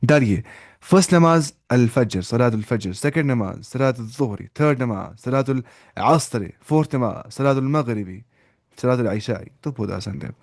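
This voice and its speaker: A man's voice: medium pitch, lively intonation, darkish tone, no echo. Patient male Arabic teacher, dry sound. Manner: explains slowly, switching between Urdu, Arabic and English, often repeating words. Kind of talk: online class teaching.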